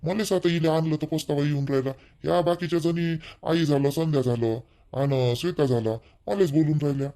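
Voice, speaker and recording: A man's voice: fairly high pitch, fairly quick, warm tone, natural voice. A man voicing an anxious young husband, making worried, helpless appeals.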